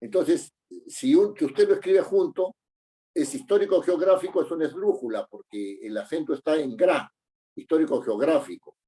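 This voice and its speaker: A man's voice: fairly high pitch, expressive, normal speed, mellow. A middle-aged man teaching a class, explaining patiently with many fillers and tag questions. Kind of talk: online class lecture.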